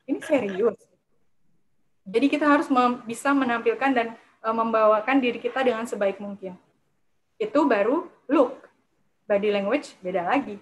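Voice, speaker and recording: A woman giving a lively public speaking workshop to a live audience, talking in a chatty way and acting out timid speakers. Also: on the high side, slight background noise, rough recording. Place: lecture room with a live audience.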